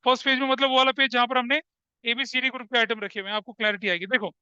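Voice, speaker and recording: A male teacher in his forties lectures a class in a very high, sharp and smooth voice. He keeps quizzing his students and repeats each point. The recording is dry and slightly lo-fi. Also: steady tone, rapid-fire, no room sound. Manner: questioning, repeats points, calls students "beta". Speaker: accountancy teacher. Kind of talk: classroom lecture mixing Hindi and English.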